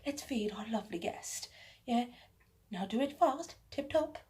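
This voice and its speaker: A woman's voice: a little high, expressive, unhurried, a little mellow, pitched above the performer's own voice. A woman putting on a haughty posh lady. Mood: bossy. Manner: haughty, condescending, clipped. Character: stuck-up posh lady bossing her servant.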